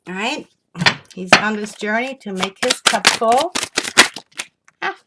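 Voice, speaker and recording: A woman giving an enthusiastic spiritual tarot reading, excitable and rambling as she turns the cards. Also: medium pitch, slow, heavy background noise. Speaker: tarot reader.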